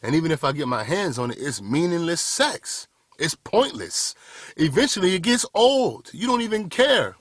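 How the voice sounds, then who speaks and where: A motivational speaker in his 30s talks straight into a camera mic, blunt and preachy, calling his viewers "y'all boys." His voice is on the high side and sing-song, at normal speed, fairly bright with a breathy edge. The sound is studio quality with no echo.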